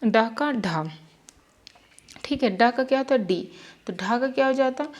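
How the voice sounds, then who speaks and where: Woman teacher going thru syllables real slow, patient, keeps checking you got it. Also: a little high. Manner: patient, repeats syllables slowly, checks with "theek hai". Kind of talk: spelling lesson for beginners.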